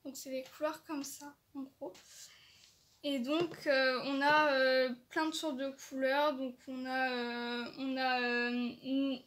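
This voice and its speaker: A woman's voice: high voice, little pitch movement, takes it slowly, a bit bright. A woman casually showing off beauty products from an advent calendar, hesitant, with many fillers and restarts, and enthusiastic about each item. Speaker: beauty vlogger.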